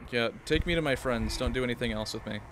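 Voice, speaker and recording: A young man in casual multiplayer gaming chat, often yelling and swearing in panic. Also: medium pitch, fast, background noise. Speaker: gaming creator.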